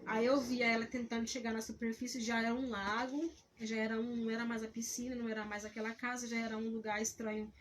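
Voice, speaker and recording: A woman, a missionary telling a testimony of a vision in a halting, earnest way, often restarting words. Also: on the high side, noisy background.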